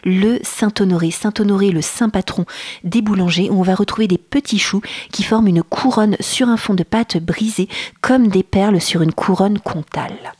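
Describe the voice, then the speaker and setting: A woman presents a food chronicle, her voice a bit husky and breathy. She tells pastry history with lively enthusiasm, often pausing on fillers and restarting her phrases. The sound is dry and close. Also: mid-range voice, no echo. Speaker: food columnist. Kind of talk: radio-style food chronicle.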